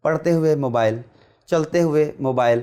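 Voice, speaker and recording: A man's voice: fairly high pitch, mellow, smooth. A man, a guest lecturer explaining earnestly, emphatic and full of rhetorical questions. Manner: emphatic, rhetorical questions, mixes in English words. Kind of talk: earnest explanatory podcast talk.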